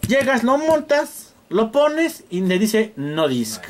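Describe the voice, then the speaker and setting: A man's voice: high voice, huge pitch swings, slow, a little hiss or hum. A man with a Mexican accent teaching electronics repair to a classroom, joking and acting out frustrated customers as he goes. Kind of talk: hands-on class demonstration. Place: classroom with students.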